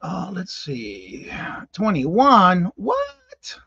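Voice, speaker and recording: A man in his fifties hosts a casual morning live stream, reading comments, calling viewers by name and exclaiming in disbelief. His high voice swoops wildly in pitch and moves very slowly, sounding gravelly, pushed, bright and slightly rough on a lo-fi recording.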